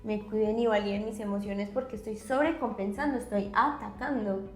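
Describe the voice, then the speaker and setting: A woman psychologist explaining concepts on a podcast, teacherly, often checking in with a quick question. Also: medium pitch, steady tone, echoey room, soft background music. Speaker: psychologist guest.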